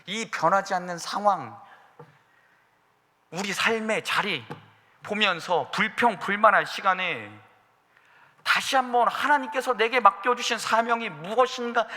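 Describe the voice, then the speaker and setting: A man preaching a Sunday sermon as pastor, earnest, sometimes speaking God's words to his listeners in a gentle, direct way. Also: high voice, a little slow, pauses often. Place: church sanctuary. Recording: reverberant church sanctuary.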